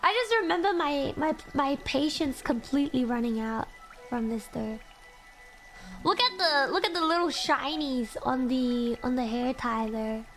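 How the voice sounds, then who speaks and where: Young female streamer, cute and girlish, high voice, relaxed livestream chat over music. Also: unhurried, poor audio. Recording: music playing behind the voice.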